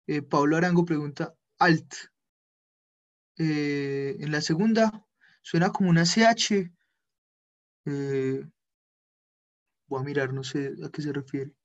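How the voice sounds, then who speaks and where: A man teaches a live online German class, explaining slowly, spelling out endings, and frequently correcting himself. His voice is fairly high, and the recording sounds muffled.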